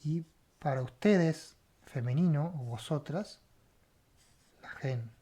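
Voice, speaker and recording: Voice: medium pitch, slow pace, mellow, breathy edge. A Hebrew teacher gives a word-by-word lesson, spelling out letters, repeating sounds and checking in with a questioning "right?" after each step. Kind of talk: word-by-word Bible language lesson.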